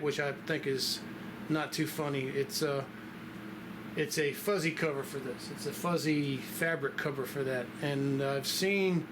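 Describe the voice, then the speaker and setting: A man with a slightly high-pitched voice talks through a hands-on job in a casual, halting way, thinking aloud as he goes. The room is echoey, and there is clear background noise on the stock microphone. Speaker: vlogger demonstrating a DIY fix.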